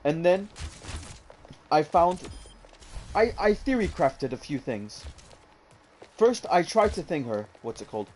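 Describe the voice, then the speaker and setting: A man's voice: fairly high pitch, big pitch swings, unhurried, pauses often, a little mellow, a little hiss or hum. Rambling young man telling a gaming story. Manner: rambling, fillers like "what's it called", says "bro". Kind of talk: casual storytelling chat.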